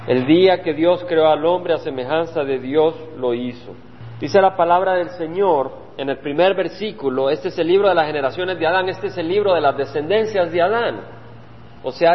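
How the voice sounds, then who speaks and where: Male pastor, high voice, earnest Bible teaching, repeats phrases; lo-fi hall recording with faint hum. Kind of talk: Bible study sermon. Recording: dull lo-fi sound with hall reverb and faint hum.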